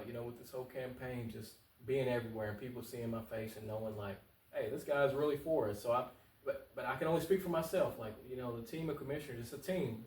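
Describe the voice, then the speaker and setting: Picked up by a distant microphone in a roomy, echoing space, this man speaks quickly in a mid-range, slightly mellow voice. He's a local political candidate on a talk show, answering informally and passionately, repeating phrases to drive points home.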